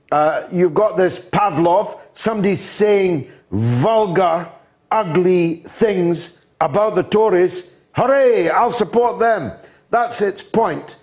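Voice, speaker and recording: A man's voice: a little high, a little mellow. A man hosting a radio phone-in, blunt and emphatic, trading quips with callers. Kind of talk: opinionated talk radio.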